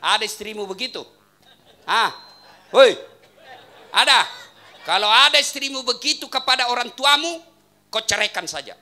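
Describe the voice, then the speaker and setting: Bright high-voiced joking preacher man. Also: lively intonation, a little fast. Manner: teasing, quizzes the audience. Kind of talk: humorous sermon. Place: religious gathering at a home.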